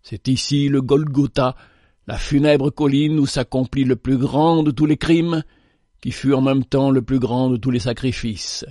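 A man narrating a story in a measured, solemn reading. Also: medium pitch, steady tone, warm tone, dry recording, studio quality. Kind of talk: scripted narration.

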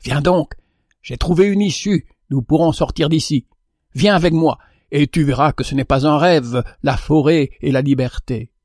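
A man's voice: fairly high pitch, normal speed, darkish tone, no room sound, studio quality, natural voice. A man reading a storybook, voicing a wild young male goldfinch who pleads for freedom. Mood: impassioned. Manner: pleading, impassioned.

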